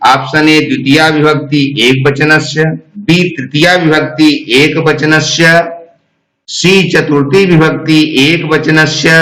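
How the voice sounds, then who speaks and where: A man reading exam quiz questions and their answer options in a slow, deliberate recitation. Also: fairly high pitch, fairly bright tone, reverberant, poor audio. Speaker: exam prep teacher.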